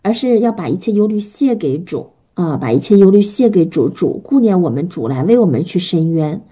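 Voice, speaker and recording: A woman, a pastor's wife, preaching and answering questions in an earnest, gentle way with frequent fillers. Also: medium pitch, breathy edge, dull audio. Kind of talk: sermon and Q&A teaching.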